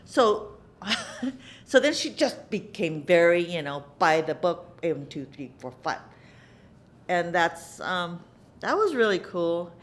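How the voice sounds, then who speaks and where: A middle-aged woman, an actress, talking in an interview at a theater in an animated way, often repeating words for emphasis. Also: fairly low pitch, slow. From United States. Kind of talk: reflective interview talk.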